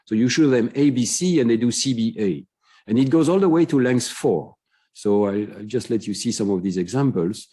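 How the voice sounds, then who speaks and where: A middle-aged man giving a conference lecture, explaining research findings with frequent "uh" fillers and clear enthusiasm. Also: mid-range voice, normal speed, warm tone.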